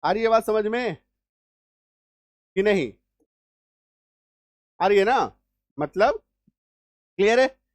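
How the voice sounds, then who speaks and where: A man's voice: sits high, expressive, slow pace, long pauses, dry recording. A man teaching English spelling rules, repeating points and often checking that the students follow. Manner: repetitive, checks understanding often. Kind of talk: classroom-style spelling lesson.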